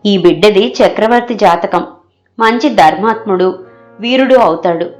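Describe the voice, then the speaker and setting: A woman voicing a gentle, motherly village goddess who speaks softly and kindly in a storybook. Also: medium pitch, measured pace, soft background music, lightly acted. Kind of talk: storybook character voice.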